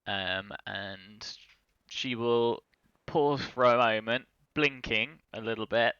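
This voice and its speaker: A man's voice: medium pitch, slow pace, a bit bright, clear, resonant tone, no echo, muffled recording. A man narrating as game master, rambling with many fillers and lookups.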